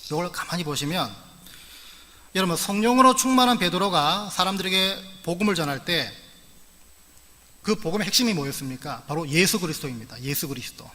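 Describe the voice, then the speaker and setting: A man's voice: high-pitched, bright, forceful tone. A middle-aged man from the Gyeongsang region of Korea preaching a sermon as pastor, earnest with humorous asides. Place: church sanctuary. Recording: long church-hall reverb.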